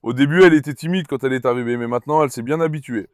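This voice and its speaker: The speaker is a man with a mid-range voice who talks very fast, recorded in clean studio sound with no room tone. In a casual vlog to camera, he handles his dogs outdoors on a farm with animals, coaxing them and calling them repeatedly.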